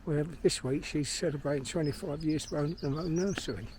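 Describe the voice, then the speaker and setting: Rambling to himself on a park walk, a blunt, swearing middle-aged Londoner who is a vlogger and filmmaker delivers a casual monologue. His voice is fairly high and darkish in tone and moves fairly quickly, over outdoor ambience and birdsong.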